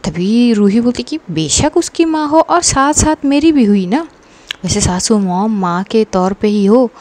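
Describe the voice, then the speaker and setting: A woman's voice: on the high side, expressive, unhurried, a little mellow. A woman voicing a bold, teasing young woman in love, talking back with playful defiance in a narrated story. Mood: cheeky. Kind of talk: narrated story with acted dialogue.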